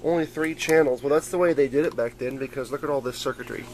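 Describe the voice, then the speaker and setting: Talking quickly in a medium pitch, a hobbyist shows off his gadgets in a loose, rambling way, explaining things informally. Crowd noise is present, and the amateur camera audio is clearly noisy.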